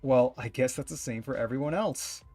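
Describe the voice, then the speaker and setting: A man's voice: mid-range voice, normal speed, a little mellow. Wry casual young man streaming a game. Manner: casual, wry, swears in asides. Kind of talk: reading game dialogue aloud and commenting. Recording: faint game music behind.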